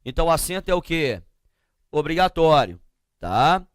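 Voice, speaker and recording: A man teaching a grammar lesson, explaining slowly and often asking the class to check they follow. He speaks with a Brazilian Portuguese accent. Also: on the high side, very animated, no room sound, studio quality. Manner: slow, drawn-out explanations with frequent checking questions.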